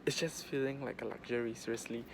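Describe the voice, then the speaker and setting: Male travel vlogger, medium pitch, rambling informal chat, recorded in a noisy airport waiting area. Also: fairly even intonation, fast. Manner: rambling, informal, frequent 'like' filler. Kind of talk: casual travel vlog chat. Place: airport boarding gate seating. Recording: clear background noise of airport.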